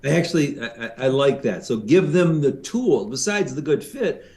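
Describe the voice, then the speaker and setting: A man's voice: mid-range voice, animated, normal speed, darkish tone. Man with a mid-range voice, easygoing podcast chat. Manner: conversational, many fillers, affirming "yeah". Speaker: podcast co-host, consultant.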